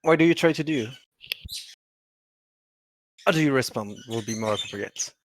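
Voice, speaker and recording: A man with a hoarse voice, coughing as he narrates a tabletop game as game master. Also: medium pitch, expressive, slight background noise. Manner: coughing, halting. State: hoarse, losing his voice.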